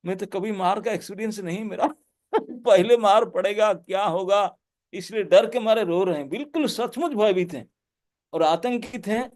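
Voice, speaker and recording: A high-pitched male monk giving a devotional lecture. He tells the story in an animated way and breaks into laughter now and then. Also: moderate pace. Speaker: monk and preacher.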